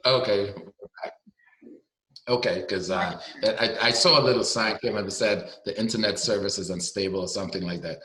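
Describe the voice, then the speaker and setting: A man's voice: fairly low pitch, fairly even intonation, normal speed, pushed and bright, reverberant, poor audio. A man working as a special education advocate, explaining guidance earnestly over a video conference call with many fillers. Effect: video conference call audio.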